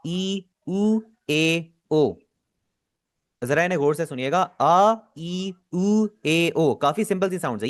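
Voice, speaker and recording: Male tutor, slightly high voice, patient and repetitive, online class. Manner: explains patiently, repeats words slowly for students. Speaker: Japanese language teacher.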